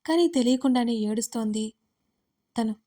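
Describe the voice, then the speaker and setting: A woman narrating an audiobook story with a steady, expressive reading. Her voice sits a little high but sounds mellow and warm. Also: moderate pace.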